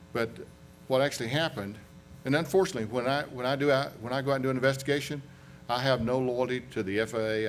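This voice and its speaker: A low-voiced man with a Southern US drawl, talking to a conference audience. He rambles and restarts, folksy and digressive, over a faint hum. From North Carolina. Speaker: accident investigator. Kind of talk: conference presentation. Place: conference room.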